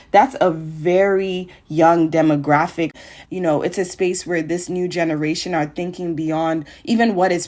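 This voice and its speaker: A woman's voice: deep voice, darkish tone. A woman guest in an interview, explaining at length in a thoughtful, conversational way with frequent fillers. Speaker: podcast guest.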